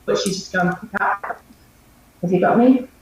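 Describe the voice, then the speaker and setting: A woman's voice: medium pitch, normal speed. A middle-aged woman with a New Zealand accent tells personal stories in a chatty, emphatic, conversational way. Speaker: missionary guest. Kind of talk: informal personal storytelling. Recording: echoey, muffled, distant, faint noise.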